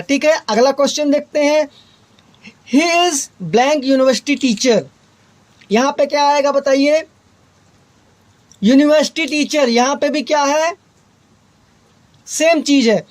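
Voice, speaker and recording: A woman's voice: high voice, darkish tone. A woman teaching an English grammar lesson, asking her own questions and answering them, checking in with "okay" again and again. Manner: asks questions and answers them herself, repeats "okay" often. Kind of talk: explanatory online lesson.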